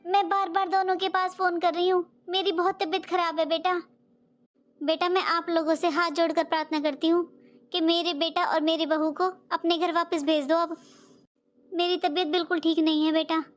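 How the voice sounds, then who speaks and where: A woman's voice: extremely high pitch, flat delivery, normal speed. A woman voicing an unwell elderly mother-in-law in a cartoon who pleads and scolds. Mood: pleading. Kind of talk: cartoon voice acting.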